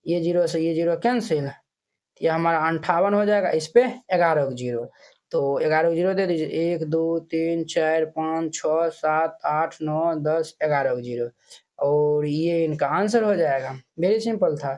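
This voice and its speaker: A man's voice: on the high side, unhurried, a little mellow. A male math teacher talks through textbook exercises, counting digits aloud one by one and checking that students follow. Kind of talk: classroom math tutorial.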